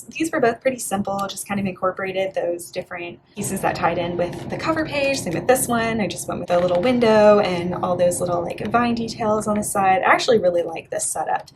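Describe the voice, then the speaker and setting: A young woman from Bulgaria who talks through her bullet journal pages in a relaxed, chatty voice-over full of "like" and "yeah". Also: mid-range voice, background noise. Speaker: art vlogger. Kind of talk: casual voice-over flip-through.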